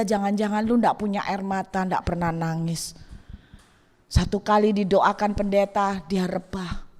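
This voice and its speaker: A woman's voice: medium pitch, darkish tone, big-room sound. A woman pastor preaching a sermon, telling a humorous story and dropping English phrases into her speech.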